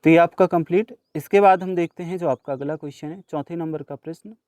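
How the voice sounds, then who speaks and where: This is a young man with a slightly high voice, teaching a workbook lesson and walking through each answer one at a time. He talks straight to his students, and the recording is dry and close, with no room sound around him. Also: fast talker, darkish tone, no room sound. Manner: patient, explains each answer in turn, addresses students directly.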